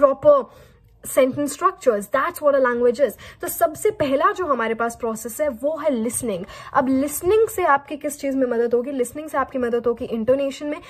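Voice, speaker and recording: A woman's voice: high voice, breathy edge. A woman whose first language is Hindi, with a Haryanvi accent, teaching English in an online lesson that mixes Hindi and English, asking and answering her own questions and repeating key words.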